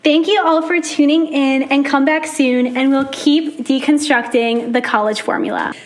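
A woman's voice: high voice, steady tone, moderate pace, echoey room. A woman hosting a podcast interview, upbeat and encouraging as she asks questions. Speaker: podcast host.

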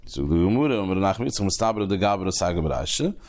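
A man teaching a Talmud lesson, explaining the text in halting phrases that he repeats and restarts. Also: low-pitched, sing-song, darkish tone.

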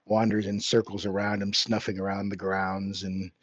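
A man's voice: lowish voice, flat delivery, normal speed, no echo. A man playing a tabletop game who describes his character's actions in a rambling, easygoing way, heard through a dull lo-fi mic. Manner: rambling, laughing easily. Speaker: player.

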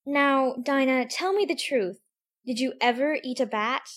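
A woman's voice: high voice, measured pace, fairly bright tone. A woman playing a curious, chattering young girl in a full-cast audiobook, talking to herself in a prim, wondering way. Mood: earnest. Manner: prim, wondering self-talk.

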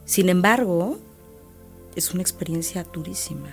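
Woman podcast host, lower voice, empathetic and explanatory; faint music. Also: normal speed. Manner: empathetic, explains her ideas calmly. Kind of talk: conversational interviewing.

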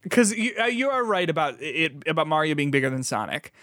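A man with a slightly high voice, talking fast and loose as a podcast host. He laughs a lot and swears freely. The sound is dry and close. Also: very animated, bright, forceful tone, no echo. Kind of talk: casual chat.

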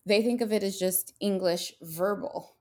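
Medium in pitch and darkish in tone, this woman speaks unhurriedly while co-hosting a casual podcast. Originally a Haitian Creole speaker, she's passionate and emphatic, frequently asking rhetorical questions.

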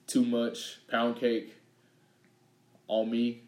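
A man's voice: medium pitch, very slow. Laid-back man in a roomy room. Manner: relaxed, laid-back, reels off lists. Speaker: podcast co-host. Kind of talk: casual chat. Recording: roomy echo.

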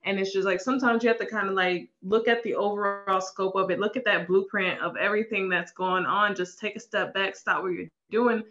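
A woman's voice: medium pitch, fairly even intonation, a little fast, hardly any pauses, a bit bright. A woman hosting an interview show, upbeat and encouraging, often repeating her phrases. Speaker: podcast host. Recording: dull lo-fi sound.

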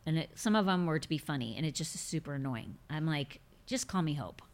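Speaking fairly quickly in a low-sitting voice with lively intonation, a woman in her fifties hosts a faith podcast. She chats casually and emphatically while answering listener questions, repeating words often to make her point.

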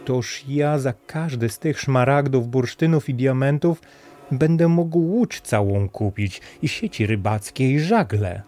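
A man voicing a poor young fisherman, earnest and gentle, speaking plaintively. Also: medium pitch, animated, measured pace, soft background music, natural voice.

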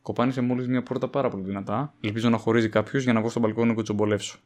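A young man from Greece, a stand-up comedian hosting his podcast in a joking, animated monologue. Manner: joking, animated, with sudden jumps in pitch.

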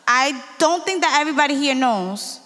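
A woman's voice: high voice, expressive, moderate pace, a bit bright. A woman interpreting a sermon phrase by phrase, now and then correcting herself. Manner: renders the sermon phrase by phrase, with occasional self-corrections. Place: church hall. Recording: long reverb of a large hall.

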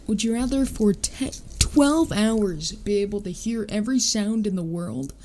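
A woman's voice: mid-range voice, measured pace, dark tone, a little hiss or hum. A young woman co-hosting a casual chat podcast, reading out questions, giggling and sometimes dropping to a whisper.

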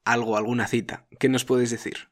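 Male podcast host, mid-pitched voice, curious and prompting. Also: flat delivery, moderate pace. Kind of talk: casual podcast interview.

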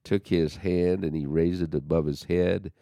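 A man's voice: deep voice, unhurried, gravelly, no room sound. A man hosting a conversation, telling a personal story with animation and acting out what people said. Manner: animated storyteller, acts out quotes.

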